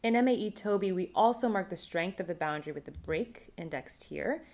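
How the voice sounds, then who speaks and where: A woman presenting a recorded academic conference talk on linguistics, explaining terms in a clear, measured way. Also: on the low side, expressive, a little mellow.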